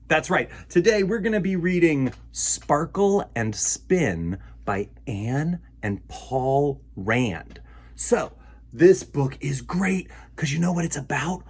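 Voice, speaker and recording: This storytime host speaks at a medium pitch with a breathy edge as he reads a picture book to children. His delivery is animated and theatrical, sprinkled with playful gasps and exclamations, and he talks straight to the young audience.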